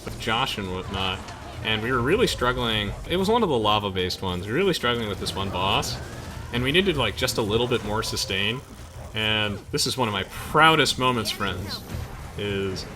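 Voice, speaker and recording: A young man hosts a let's play, chatting casually about the game and explaining things in informal slang. His voice sits at a medium pitch, with video game music and other background noise behind it.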